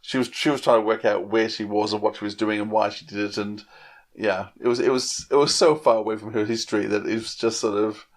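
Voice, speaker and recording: A male podcast panellist chats casually, rambling and repeating words as he works through his thoughts. His voice has a fairly low pitch and steady tone, and he talks a little fast.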